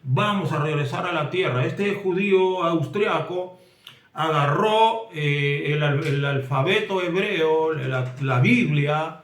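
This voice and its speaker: A man's voice: on the high side, slow pace, fairly bright tone. A man with a Peruvian accent preaching a sermon as a pastor, emphatic and addressing the congregation directly. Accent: Peruvian Spanish. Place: church hall. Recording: echoey room, voice from far off.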